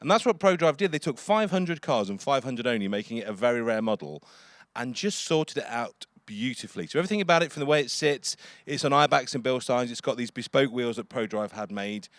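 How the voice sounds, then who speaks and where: Male motoring presenter, quick and emphatic, chatty enthusiast, mid-pitched voice in a dry close recording. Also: expressive, no echo. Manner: chatty, emphatic sales talk. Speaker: car expert presenter. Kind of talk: enthusiastic car commentary.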